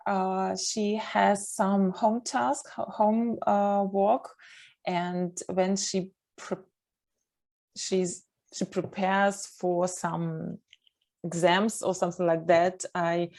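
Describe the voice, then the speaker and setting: A woman on a video call, speaking English slowly and haltingly as a learner. She stops often to find the right words in a casual chat. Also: medium pitch, fairly even intonation, darkish tone.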